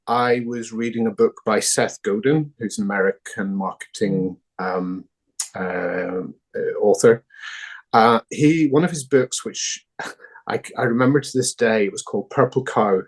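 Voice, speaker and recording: A man with a Northern Irish accent, a founding director answering interview questions thoughtfully, with hesitant fillers. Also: medium pitch. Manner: thoughtful, many fillers and restarts.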